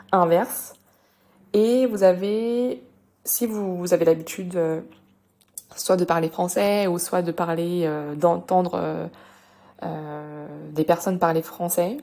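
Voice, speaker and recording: A young woman hosts a relaxed podcast lesson, talking in a chatty way and explaining things slowly. She fills her sentences with small hesitations and repeats herself as she goes. Her voice sits a little low and has a mellow, warm tone. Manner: chatty, many fillers and repetitions, explains slowly. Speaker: French teacher and podcast host.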